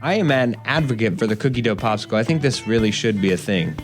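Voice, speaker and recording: A man's voice: lowish voice, animated, quick pace, soft background music. A young man co-hosting a casual podcast, quizzing his partner with a joking, playful delivery. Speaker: podcast co-host. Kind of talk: casual sports podcast chat.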